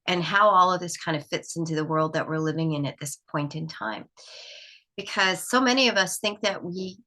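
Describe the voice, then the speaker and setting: A woman's voice: lowish voice, sharp tone. A woman hosting a solo podcast, sounding nasal from allergies, musing aloud in a reflective, questioning way. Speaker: podcast host.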